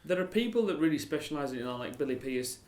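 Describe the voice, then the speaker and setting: A man's voice: fairly high pitch, animated, fast talker, darkish tone. A man co-hosting a podcast in casual chat, making dry, sarcastic quips. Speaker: podcast co-host. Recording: roomy echo.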